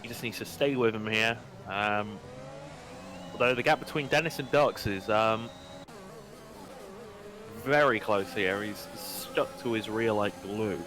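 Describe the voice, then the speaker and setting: A man giving live motorsport commentary on sim racing, breaking into excited exclamations at the action. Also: on the low side, a little slow, long pauses, music in the background.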